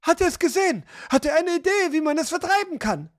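A woman reading an audiobook, voicing frightened villagers who shout anxious questions in much higher voices. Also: very animated, heavily acted. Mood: fearful. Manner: anxious, pleading rapid questions. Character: frightened villagers, high shrill crowd voices.

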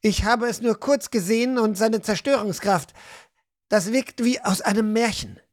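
A woman reading an audiobook, voicing a burdened male guard captain in a lowered, hesitant, serious voice. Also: normal speed, natural voice.

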